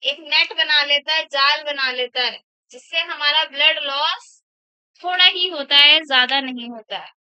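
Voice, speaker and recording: A woman's voice: high-pitched, a little slow, sharp tone, no echo. A woman biology teacher lecturing in a classroom, asking the class questions and repeating their answers back, in a dull lo-fi recording. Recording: dull lo-fi sound.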